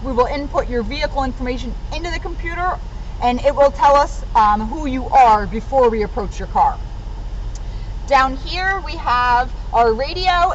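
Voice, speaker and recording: In and around a police car, a female officer with a higher-pitched voice reads a story to children and shows them police equipment in an informal demo. The recording sounds slightly muffled and low-grade, with a faint background noise.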